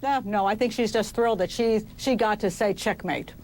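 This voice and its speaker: A woman's voice: mid-range voice, a little fast, darkish tone, a little hiss or hum. A woman criminal profiler commenting on a television panel, assured and vivid in her phrasing. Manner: assured, vivid, acts out quotes.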